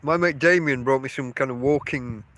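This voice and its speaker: This is a middle-aged podcast host rambling alone by his tent at a field camp, his nose stuffed up from a cold; he's chatty and breaks off his own thoughts. His mid-range voice moves at normal speed over a noisy background.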